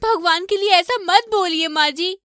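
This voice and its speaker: A gentle, downtrodden young wife in a cartoon story, voiced by a woman, pleading softly and giving in. Her voice is very high and sounds dry and close. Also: normal speed, no room sound. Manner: pleading, submissive. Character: meek poor young daughter-in-law. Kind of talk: animated story voice acting.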